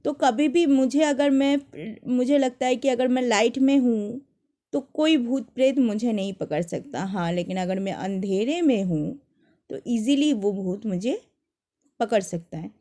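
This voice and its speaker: A young woman telling personal stories to viewers in a casual, animated way, often restarting her sentences. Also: fairly high pitch, a little slow. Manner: animated, dramatic retelling with many restarts. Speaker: storyteller.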